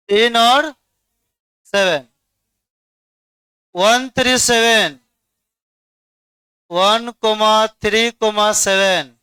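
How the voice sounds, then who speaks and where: A man's voice: high-pitched, sharp tone, smooth, no room sound. Man teaching chemistry class. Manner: coaxing, repeats "dekhiye" to hold attention, quizzes students. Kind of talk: classroom lecture.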